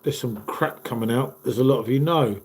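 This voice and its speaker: A man in his fifties hosts a laid-back live stream, chatting in a friendly way with viewers and calling them "mate" while stuffed up with a cold. His voice is medium-pitched and fairly quick.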